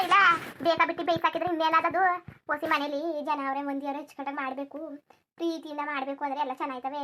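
A woman voicing a sharp-tongued old village mother-in-law in a cartoon, scolding and spitting out complaints about the food. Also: high-pitched, slight background noise. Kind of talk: cartoon voice acting.

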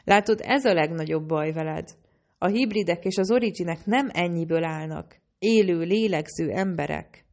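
An outspoken young woman who snaps back with indignation, read by a woman narrator. The voice is very low and creaky. It is an audiobook reading. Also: a little mellow, natural voice. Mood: indignant. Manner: snapping, indignant.

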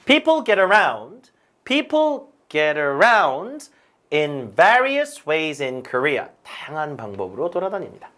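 A man lecturing on English speaking-test prep, drilling phrases slowly with strong stress. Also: a little high, fairly bright tone.

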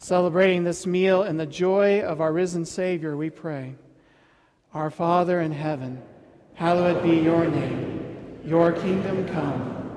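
A man's voice: a little high, unhurried, a little mellow. A man leading a communion liturgy as presiding minister, solemn and sometimes chanting, heard with a cathedral echo. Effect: cathedral echo, long reverb. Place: large church sanctuary. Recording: long reverb of a big church hall.

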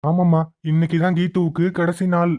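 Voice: medium pitch, completely flat delivery, brisk, mellow, lightly acted. A performer voicing a foolish, boastful young villain son in a cartoon, smug and whiny. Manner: smug, whiny when scolded. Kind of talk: cartoon voice acting.

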